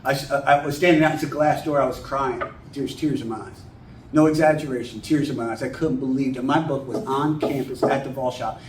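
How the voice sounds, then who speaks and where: A man's voice: mid-range voice, a little fast, far from the mic. Folksy older man, roomy. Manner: folksy, plain-spoken, animated. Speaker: author and guest speaker. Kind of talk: folksy storytelling talk to a writers' group. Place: meeting room. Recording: echoey room, mic from afar, faint hiss.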